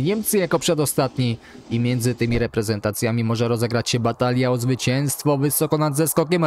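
A man calls a ski jumping video game like a live sports broadcaster, reeling off distances and point totals. His voice sits at an ordinary middle pitch, and he lifts it sharply when a jump goes well. A faint hiss of noise sits under the voice. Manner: excitable, rising loud on big jumps. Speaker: game commentator. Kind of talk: sports-style play-by-play commentary.

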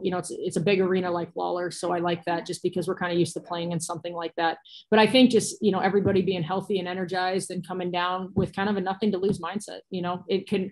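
This is an American woman in her thirties, a basketball coach, whose voice is on the low side with a darkish tone. At a postgame press conference held over video call, she answers in a matter-of-fact, colloquial way from a small indoor cinder-block room, with a laptop or phone mic producing a rough recording.

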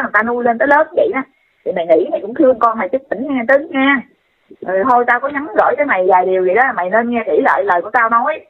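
A woman's voice: a little high, breathy edge. A woman lecturing someone insistently over a phone call, repeating her advice and scolding. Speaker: commentator addressing someone directly. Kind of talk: casual lecturing call-in talk. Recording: tinny phone line.

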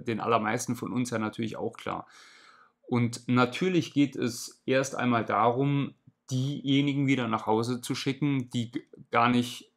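A man in his thirties at home indoors, giving a measured, explanatory reaction commentary on a video. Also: medium pitch.

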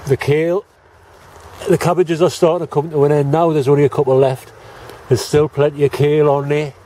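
A man's voice: a little high, level tone, brisk, mellow. A middle-aged man, chatting casually to viewers as he films his allotment garden outdoors on a handheld camera. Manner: chatty, plain-spoken, talks to viewers as he walks round. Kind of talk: casual walk-and-talk vlog. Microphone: handheld camera, self-filmed.

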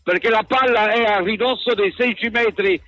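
A man's voice: high voice, fairly quick, no room sound, muffled recording. A man giving dramatic, colourful play-by-play radio football commentary. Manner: dramatic, colourful turns of phrase.

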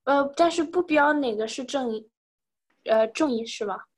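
A woman's voice: high voice, moderate pace, husky. A woman student asking a question in an online class, hesitant and apologetic with many fillers. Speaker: adult student. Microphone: video call.

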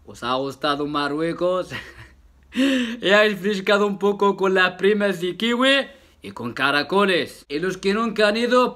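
Male vlogger, high bright voice, unhurried and jokey, laughs a lot. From Morocco. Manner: jokey, laughs often, tag questions. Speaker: YouTuber. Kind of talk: casual vlog talk to viewers.

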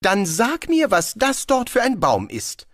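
A man's voice: sits high, wildly swooping pitch, a little slow, no room sound, studio quality, pitched above the performer's own voice, full character voice. A man reading an audiobook, voicing a naive, trusting male tourist who asks eager, wide-eyed questions. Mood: curious.

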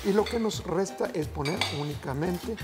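A man's voice: sits high, moderate pace. A middle-aged man hosting a TV cooking show, chatting to viewers as family while he explains each step. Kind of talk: TV cooking demonstration. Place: TV studio kitchen set. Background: background music.

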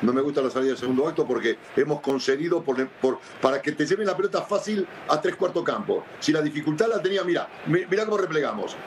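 A man's voice: a little high, animated, fast, hardly any pauses, a little hiss or hum. A man giving live match analysis as a football pundit, insistent and repeating his phrases.

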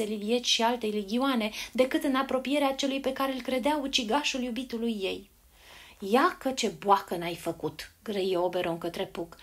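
A woman narrating a fairy tale in an expressive storybook reading. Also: on the high side.

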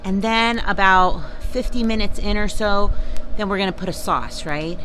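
A woman's voice: mid-range voice, normal speed, noisy background. Chatty middle-aged woman vlogging dinner. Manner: chatty, narrates each step and asks questions. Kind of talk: casual cooking vlog. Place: home kitchen and backyard patio. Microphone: handheld phone camera.

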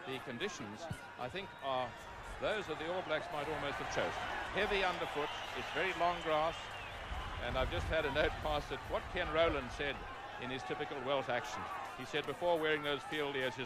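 Guy doing live rugby play-by-play, voice on the high side, noisy old broadcast sound. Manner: measured between plays, rising to shouts at scoring chances. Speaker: play-by-play commentator.

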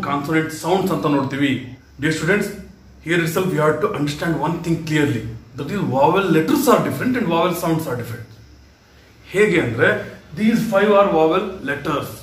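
A man's voice: fairly high pitch, fairly bright tone. A man teaching an English lesson with a Kannada accent. He explains step by step, moves between Kannada and English and keeps checking that students understand. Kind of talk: spoken classroom lesson. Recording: echoey room, distant mic.

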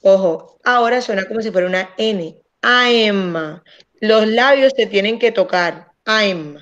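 A woman English teacher running an online class, patiently explaining grammar and slowly modelling pronunciation. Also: mid-range voice, lo-fi sound. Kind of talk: online language class, switching between Spanish and English.

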